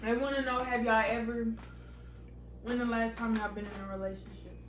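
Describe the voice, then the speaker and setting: Young woman vlog host, high voice, playful, roomy echo, music under her. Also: steady tone, brisk, recorded from a distance. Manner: playful, prankish, talks to the camera. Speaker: vlogger host. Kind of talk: casual family mukbang chat.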